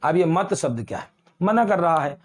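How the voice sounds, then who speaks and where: A man teaching grammar in an online exam-prep lecture, explaining slowly with repeated examples and calling his students beta. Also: a little high, lively intonation.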